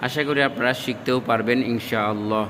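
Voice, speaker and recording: A man teaching Quran letter pronunciation, chanting each syllable slowly and adding quick spoken tips on where the tongue goes. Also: medium pitch, fairly even intonation, a bit bright, long reverb tail, slight background noise. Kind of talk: slow drilled pronunciation lesson.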